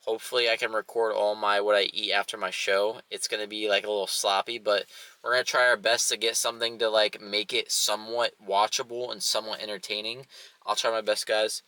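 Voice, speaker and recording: Young male fitness vlogger, very bright and forceful tone, dry close sound, loose slangy rambling. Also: lowish voice, flat delivery, brisk, no echo, poor audio. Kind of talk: casual vlog chat.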